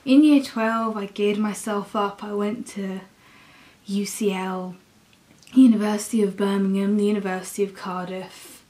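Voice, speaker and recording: A young adult woman with an English accent, talking casually and candidly in a halting, confessional vlog style. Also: medium pitch, steady tone, darkish tone. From England. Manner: slow, halting, candid, with frequent swearing. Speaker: university student vlogger.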